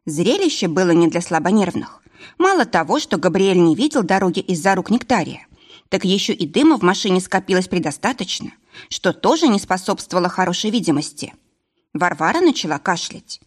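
A woman narrating an audiobook of comic fiction, telling the story in a lively, expressive way. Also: lowish voice, husky. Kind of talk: scripted narration.

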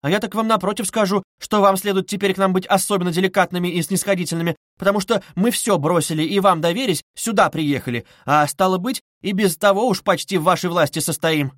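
A man's voice: sits high, quick pace, hardly any pauses, a bit bright, no room sound, studio quality, voice pushed up. A man reading aloud voices an agitated, indignant older mother who keeps exclaiming. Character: indignant older mother, quick to take offence.

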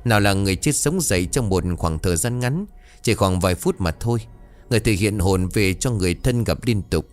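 A man's voice: fairly low pitch, brisk, faint music behind, close to an everyday voice. A man voicing a solemn elderly male ritual master who gives grave warnings in a storybook tale.

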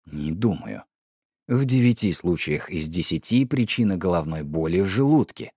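Man playing a deep, quiet, stiff husband, slow and reproachful, audiobook, dry sound. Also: animated, slightly rough, no echo, exaggerated voice. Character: stiff, pedantic middle-aged husband. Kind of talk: audiobook character reading.

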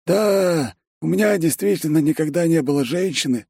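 A man's voice: a little high, animated, moderate pace, gravelly, darkish tone, breathy edge, no echo, studio quality, pitched above the performer's own voice, exaggerated voice. A man voicing a cheeky male half-pixie secretary in an audiobook, with a teasing, coaxing, nonchalant manner. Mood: dreamy. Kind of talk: audiobook character voice.

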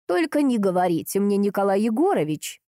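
A woman voicing a sharp-tongued, persistent older woman detective who is by turns sweet and cutting, in an audiobook. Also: mid-range voice, big pitch swings, a little fast, no echo, studio quality, lightly acted. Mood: insistent.

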